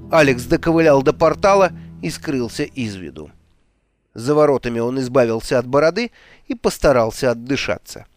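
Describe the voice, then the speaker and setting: A man reading an audiobook story aloud in steady, measured narration. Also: mid-range voice. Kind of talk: scripted narration. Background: music.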